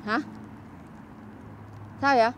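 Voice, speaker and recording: A woman vlogger with a Southern Vietnamese accent chats casually outdoors by a street while helping homeless people, with slight background noise. She speaks slowly but fusses and scolds, exclaiming out loud again and again.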